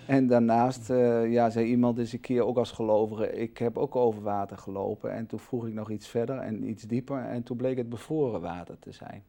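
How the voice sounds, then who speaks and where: A man, a Bible teacher and studio guest, explaining scripture in a conversational way, dropping to soft asides and then rising to loud, emphatic peaks. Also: medium pitch, fairly even intonation, normal speed, creaky, few pauses. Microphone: studio microphone.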